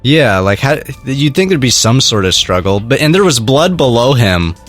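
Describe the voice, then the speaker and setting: A man's voice: medium pitch, normal speed, soft background music. A young man co-hosting a let's play, chatting casually and jokily while he thinks through a mystery game, laughing often. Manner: animated, jokey, laughs often. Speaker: let's play co-host and editor. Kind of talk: casual gameplay chat.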